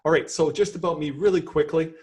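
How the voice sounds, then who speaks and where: Here a middle-aged professor from Canada, Canadian accent and all, runs a lively seminar lecture in a chatty way. He's enthusiastic and self-deprecating, with a voice on the high side and a fast delivery.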